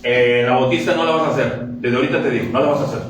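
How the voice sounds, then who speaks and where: Joking pastor in an echoey church. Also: male voice, mid-range voice, far from the mic. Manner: joking, conversational, acts out quick dialogues. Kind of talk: lively sermon. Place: church sanctuary.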